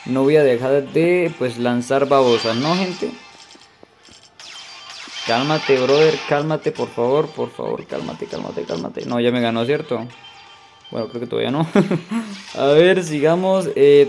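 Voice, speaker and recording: Excitable Mexican man commentating gameplay. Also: medium pitch, moderate pace, soft background music. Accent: Mexican Spanish. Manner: chatty, excitable, keeps calling to viewers. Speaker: gaming channel host.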